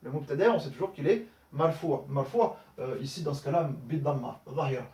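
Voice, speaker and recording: This is a man teaching Arabic grammar in French: he corrects exercises step by step, uses many fillers, and checks frequently that students understand. His voice is fairly high, expressive and mellow, a little fast, and he's off-mic at a distance in an echoey room.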